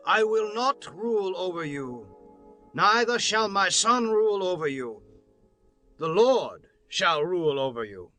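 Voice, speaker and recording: An actor playing a stern, commanding war leader in a dramatized scripture reading, with declamatory, archaic speech. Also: male voice, high voice, big pitch swings, measured pace, bright, forceful tone, soft background music, full character voice. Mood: firm.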